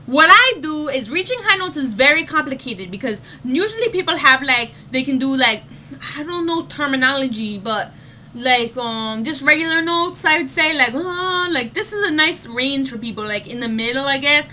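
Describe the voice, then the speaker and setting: A woman's voice: sits high, animated, moderate pace, pushed and bright, slight background noise. A young woman giving casual singing tips in a home vlog, chatty with lots of fillers, breaking into short sung demo notes.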